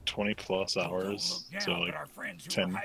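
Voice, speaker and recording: A man's voice: low voice, big pitch swings, takes it slowly, creaky, sharp tone. A man co-hosting a podcast, chatting bluntly and jokingly about games, swearing freely. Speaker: co-host. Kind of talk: casual chat over gameplay.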